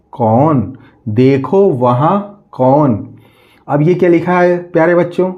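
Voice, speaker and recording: A male teacher speaks in a slightly raised voice and takes his time, drawing out each letter as he spells words aloud. He keeps asking his students what a word becomes and answers for them. The sound is a bit dull and lo-fi. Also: a little high. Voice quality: slow, drawn-out letter-by-letter spelling, repeating questions.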